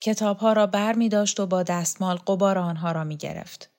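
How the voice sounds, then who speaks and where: A woman reading a novel aloud as audiobook narrator, with measured, even delivery. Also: mid-range voice. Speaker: audiobook reader. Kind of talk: scripted story narration.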